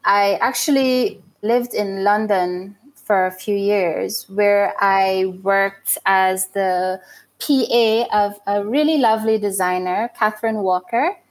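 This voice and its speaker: A middle-aged woman from Guyana speaks slowly in a medium-pitched voice, giving thoughtful, explanatory interview answers in a conversational style.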